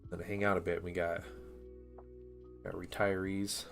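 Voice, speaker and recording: Deep-voiced man in his thirties streaming. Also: normal speed, gravelly, soft background music. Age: 30s. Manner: relaxed and rambling, reads viewer chat aloud while assembling models. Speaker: live-streaming miniature painter. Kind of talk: casual live-stream chat.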